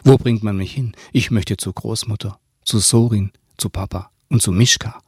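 A man's voice: lowish voice, fairly even intonation, normal speed, no room sound, clean studio sound. A man reading aloud and voicing a frightened little girl who whispers her thoughts. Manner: hushed, breathy whisper.

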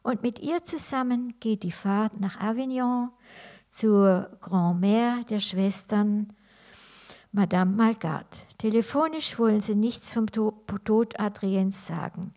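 Slow, deliberate woman reading a novel aloud. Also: medium pitch, darkish tone. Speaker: reader.

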